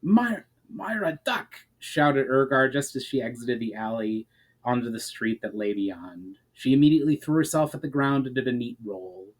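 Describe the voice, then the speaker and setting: A writer reads his own fantasy chapter aloud in dramatic audiobook style, his medium-pitched voice moving at a moderate pace on a low-quality recording. He hits the openings of phrases hard, lets the endings trail off, and stumbles now and then.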